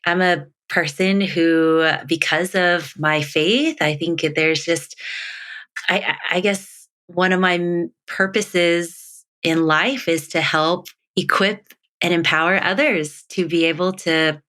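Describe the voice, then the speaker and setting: A woman's voice: fairly low pitch, fairly even intonation, a bit bright. A woman from Texas, a runner appearing as a podcast guest, talking thoughtfully with frequent laughs and hesitations. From Texas, United States. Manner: slow, thoughtful, laughs often, hesitant fillers. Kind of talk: casual interview chat.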